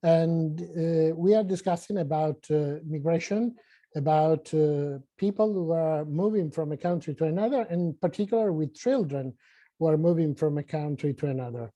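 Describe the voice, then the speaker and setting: A man moderates an online panel and introduces a guest. His voice is very dark and mellow, and his speech halts with fillers. The recording is dry and close. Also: on the high side, dry recording. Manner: halting, with fillers.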